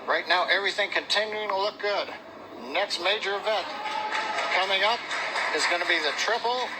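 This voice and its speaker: A man explains events in live launch commentary. His voice is notably high for a man, and there is clear noise behind him. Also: normal speed.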